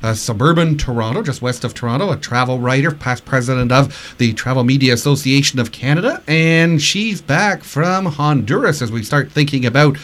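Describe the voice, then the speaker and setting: A man co-hosting a radio show and interviewing a guest in a friendly, relaxed way. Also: medium pitch, moderate pace, hardly any pauses.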